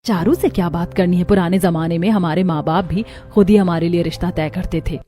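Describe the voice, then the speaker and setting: A woman's voice: fairly low pitch, fairly even intonation, brisk, mellow, close to an everyday voice. A woman voicing a stern mother who favors her sons, in a cartoon story, speaking in a scolding, harsh way. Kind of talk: cartoon voice acting.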